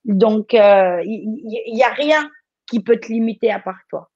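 A woman's voice: on the high side, a little slow, a little mellow, no echo, muffled recording. A woman from France coaching someone live, speaking directly and encouragingly with frequent restarts.

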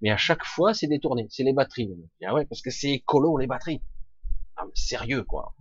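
A man with a husky, raspy voice speaks informally and emphatically to an audience, using rhetorical questions and coarse slang in an opinionated monologue. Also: mid-range voice, animated, fairly quick, no room sound. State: throat scratchy with occasional coughing. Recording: dull, lo-fi close recording.

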